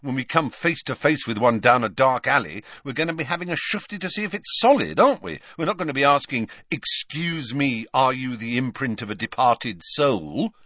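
A man voicing a cheeky teenage boy with quick, joking banter. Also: mid-range voice, lively intonation, bright, forceful tone, dry recording, clean studio sound, voice pushed up.

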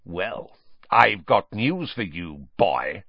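A man's voice: a bass voice, expressive, unhurried, breathy edge, no room sound, muffled recording, voice pushed down, exaggerated voice. A man voicing a hot-tempered, bullying middle-aged uncle in an audiobook, hissing and gloating with false respectability. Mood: gloating menace. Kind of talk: audiobook character voice.

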